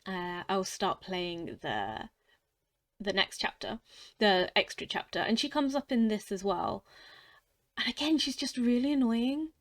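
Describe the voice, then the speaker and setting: A woman's voice: mid-range voice, expressive, a little slow. A young woman hosting a gaming channel, chatting casually and rambling through her opinions, often repeating words as she thinks aloud. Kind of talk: casual chatty tier-list commentary.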